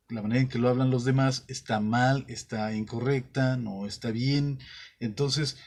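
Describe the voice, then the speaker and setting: Mexican guy explaining stuff on his channel, medium voice, lots of ehs and restarts, thinking out loud. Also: mid-range voice. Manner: thoughtful, pausing often with fillers and restarts. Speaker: channel host. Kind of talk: casual explanatory talk.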